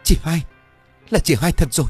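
A man's voice: mid-range voice, expressive, fast talker, breathy edge, soft background music, voice pushed up. A man voicing a frantic young woman who is crying and pleading in an audiobook. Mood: tearful. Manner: sobbing, pleading.

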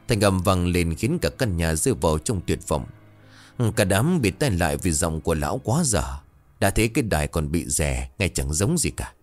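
Deep, lively male horror storyteller, faint music underneath. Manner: dramatic, expressive. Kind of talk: ghost story narration.

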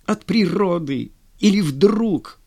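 A man's voice: high-pitched, lively intonation, takes it slowly, a little mellow, voice pushed up, full character voice. A man reading a story, voicing a hurt young man who mutters in exasperation. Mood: exasperated. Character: hurt sulky young man, jilted brother.

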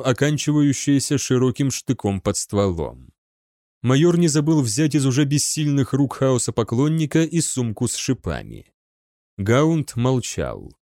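A man narrating an audiobook in an even, measured storytelling manner. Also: medium pitch, no room sound, clean studio sound. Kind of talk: scripted narration.

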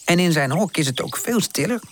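A woman reading a children's storybook aloud with gentle, expressive narration. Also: fairly low pitch, a little fast, a little hiss or hum. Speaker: audiobook narrator.

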